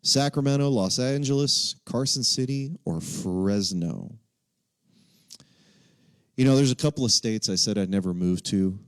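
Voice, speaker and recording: A man's voice: fairly low pitch, a little slow, dry recording, studio quality. A man from Texas, casually hosting a live quiz and thinking aloud as he reads out the answer options. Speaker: livestream quiz host.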